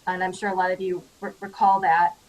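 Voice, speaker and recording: A woman's voice: on the low side, flat delivery, brisk, a little mellow, highs cut off. Friendly woman with many "um" fillers. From United States. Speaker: judicial candidate. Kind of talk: candidate forum answer.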